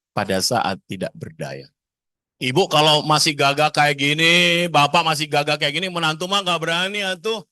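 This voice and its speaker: Animated man. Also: fairly high pitch, no room sound. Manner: animated, asks the audience questions. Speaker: parenting seminar speaker. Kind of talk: lively seminar talk to parents.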